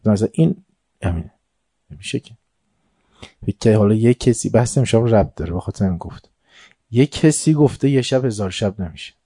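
A man with a fairly low, dark, mellow voice lectures on faith to a seated audience. He retells stories with quoted dialogue and recited Arabic. He drops to quiet asides and then rises into emphatic points. The sound is close and dry. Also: expressive, pauses often, slightly rough, dry recording. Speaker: religious lecturer. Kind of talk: religious lecture with storytelling. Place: room before a seated audience.

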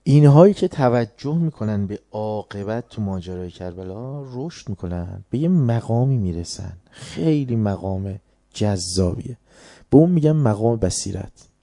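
A man with a Tehran accent preaching a sermon, moving from hushed storytelling to loud, emphatic points. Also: on the low side, expressive, no room sound, studio quality. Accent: Tehran Persian.

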